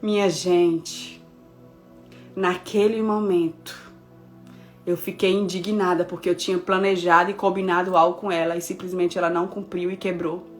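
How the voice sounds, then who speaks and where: A woman pastor in her thirties preaching a devotional message, telling a personal story with lively, expressive delivery and speaking straight to her listeners. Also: on the low side, moderate pace, faint music behind. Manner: expressive storytelling, acting out dialogue, addressing listeners directly.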